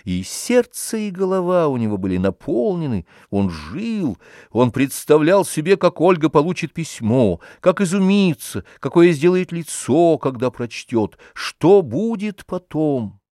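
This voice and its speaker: A man narrating an audiobook of a classic novel in a measured storytelling manner. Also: fairly high pitch, sing-song, mellow, dry recording, studio quality.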